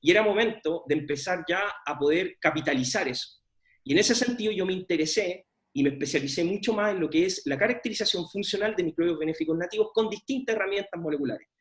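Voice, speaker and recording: Talking fast in a high voice, a middle-aged man from Chile gives a loose, informal presentation of his scientific work, full of fillers and false starts.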